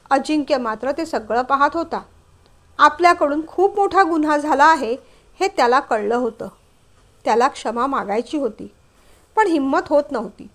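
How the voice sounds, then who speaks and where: A woman reads a scripted story aloud with expressive emotion. Her voice sits high.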